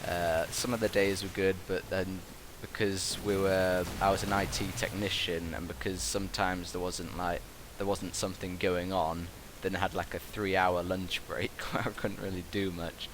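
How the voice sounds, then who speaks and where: A young British man with a deep, level voice talks at a normal pace with hardly any pauses, rambling casually and a bit hesitantly into a gaming headset like a student chatting with viewers. A constant buzz and hiss runs underneath the recording.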